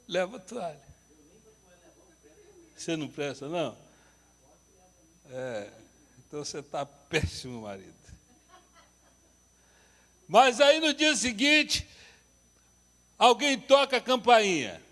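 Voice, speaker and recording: A man's voice: high voice, sing-song, slow pace, pauses often, fairly bright tone. A man teaching a couples workshop at church, telling humorous, self-deprecating stories. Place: church hall. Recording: reverberant church hall.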